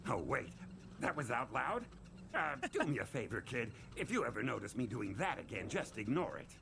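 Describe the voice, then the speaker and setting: An actor playing a self-important male crocodile detective, narrating an audio drama in gravelly, melodramatic hard-boiled style. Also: medium pitch, big pitch swings, normal speed, background noise. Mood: flustered.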